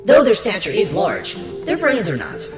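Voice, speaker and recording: A narrator and show host delivers a scripted, documentary-style piece with emphatic presenter flair. His medium-pitched voice swings widely in pitch at a normal speed. Loud background music plays over a roomy echo.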